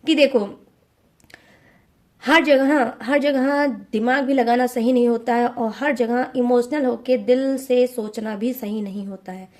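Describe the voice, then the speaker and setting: A young woman giving a tarot reading to her viewers, speaking in a repetitive, coaxing way and often checking in with "okay?". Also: a little high. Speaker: tarot reader.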